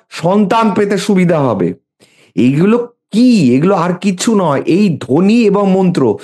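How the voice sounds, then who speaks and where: A man's voice: high-pitched, darkish tone. A middle-aged man explaining mantras in a casual, emphatic way, sometimes chanting lines as examples.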